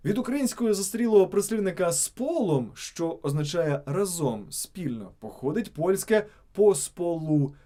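A man reads scripted narration in a fairly high voice that swoops up and down with lively intonation. His tone is dark and mellow. He stresses example words one by one. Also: moderate pace, hardly any pauses. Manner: emphatic, word-by-word reading of examples. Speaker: channel narrator.

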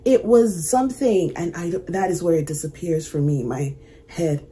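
A woman hosting a music reaction video, talking in an earnest, reflective way with halting restarts, emotional and choked up. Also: lowish voice, expressive, dark tone. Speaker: music reaction channel host. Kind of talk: casual reaction commentary.

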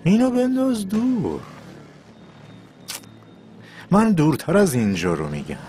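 A man's voice: high-pitched, wildly swooping pitch, mellow, soft background music. An actor dubbing a sly man who teases out a family secret in a TV drama. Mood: teasing. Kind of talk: dubbed TV drama dialogue.

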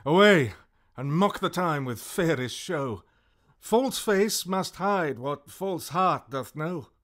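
A man's voice: on the high side, lively intonation, slow, a bit bright. An actor playing Macbeth, a tormented nobleman turned murderer, declaiming Shakespearean verse in a classical radio drama. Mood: grim, haunted. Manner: brooding, theatrical declamation.

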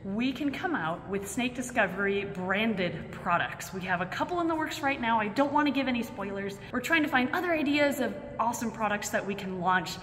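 A young woman hosting a casual vlog tour in an animated, excited way, speaking in an echoey empty building. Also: a little high, brisk, few pauses. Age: young adult. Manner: animated, excited, projecting on camera. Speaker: host giving a building tour. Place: large empty indoor warehouse and bare rooms. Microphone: camera mic at a short distance. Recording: echoey empty warehouse and rooms, noise.

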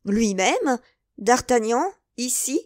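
A woman's voice: on the high side, lively intonation, takes it slowly, no echo, clean studio sound, voice pushed up. A woman reader voicing a scheming, guarded noblewoman in an audiobook, with controlled, wary questions. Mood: doubting.

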